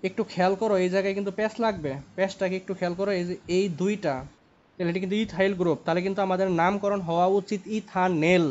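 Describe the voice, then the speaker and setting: A man's voice: sits high, darkish tone. A young man teaching chemistry, repeating points and checking in with tag questions. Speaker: chemistry tutor. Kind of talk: lecture at a whiteboard. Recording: dull lo-fi recording.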